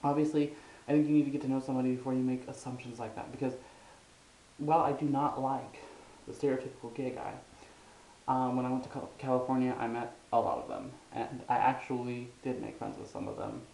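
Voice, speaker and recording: A young man rambles through a personal vlog, pausing on ums and restarting his sentences. His mid-pitched voice bounces around a roomy, echoey space with a faint hiss underneath. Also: flat delivery, creaky, warm tone. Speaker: vlogger.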